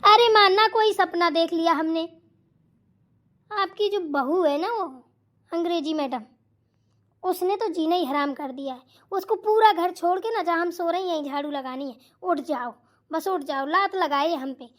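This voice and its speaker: A rude, lazy sister-in-law snaps and complains in a very high, piercing voice, voiced by a woman. She mocks and grumbles about the household's daughter-in-law. This is a cartoon family quarrel. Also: normal speed, fairly bright tone. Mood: complaining. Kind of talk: cartoon voice acting.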